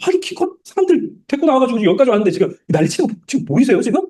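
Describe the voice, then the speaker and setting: Man voicing an exasperated prophet, whiny, fed-up, complaining, high and lively. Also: rapid-fire. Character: exasperated grown male prophet Moses complaining.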